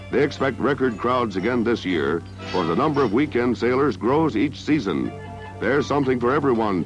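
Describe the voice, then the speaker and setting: Man narrating an old newsreel. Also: fairly low pitch. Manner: declamatory, stately delivery. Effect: old newsreel film soundtrack. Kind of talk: dramatic 1960s newsreel narration. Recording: dull lo-fi 1960s newsreel audio with music.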